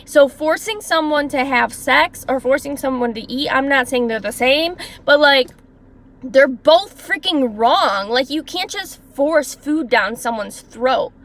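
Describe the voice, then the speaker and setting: A woman's voice: high-pitched, expressive, a little slow, a bit bright. A young woman vlogger telling a story-time vlog, passionate and indignant, full of "like" fillers, acting out what others said. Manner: acts out her boss and others in quoted voices.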